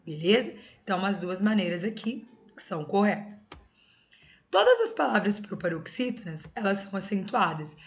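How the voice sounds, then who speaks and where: A woman's voice: mid-range voice, big pitch swings, normal speed. Woman teaching a grammar lesson. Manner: explains step by step, often checks in with "né?". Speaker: Portuguese teacher. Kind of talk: exam-prep grammar lesson.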